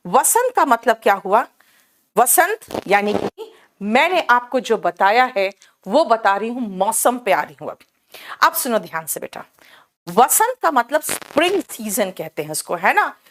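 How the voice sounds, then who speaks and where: A woman with an Indian accent teaching spoken English in a slow, repetitive way and calling her students "beta". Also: a little high, fairly bright tone. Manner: explains slowly, repeats words, calls students "beta".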